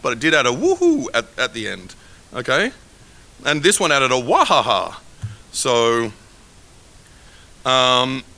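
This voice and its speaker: Bright-voiced joking male instructor. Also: mid-range voice. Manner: joking, casual, rambling asides. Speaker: workshop instructor. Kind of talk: live coding workshop lecture.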